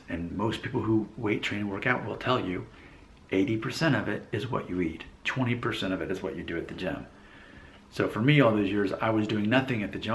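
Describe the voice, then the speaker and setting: Man, 40s, low-ish voice, rambling casual vlogger, roomy home echo. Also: slight background noise. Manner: chatty, rambling, with restarts and asides. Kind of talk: casual talking-head vlog. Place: bright room at home, indoors.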